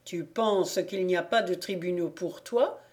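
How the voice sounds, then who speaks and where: A man's voice: sits high, unhurried. A woman doing Chub, a grumbling old peasant. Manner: muttering to himself, suspicious. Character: grumbling old peasant man, sly and stubborn.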